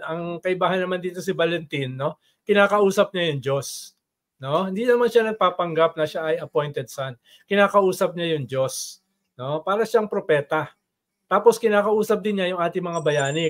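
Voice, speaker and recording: A man with a notably high voice talks casually about politics, spinning long stories. He keeps dropping tag questions to check the listener is following. He gets animated as he speaks. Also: moderate pace. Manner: storytelling with frequent "no?" tag questions; animated, voice rises when quoting chants. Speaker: political commentator guest.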